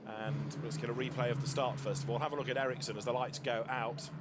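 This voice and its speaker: Male motorsport commentator over loud track noise. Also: medium pitch, little pitch movement, quick pace. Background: racing cars and trackside ambience.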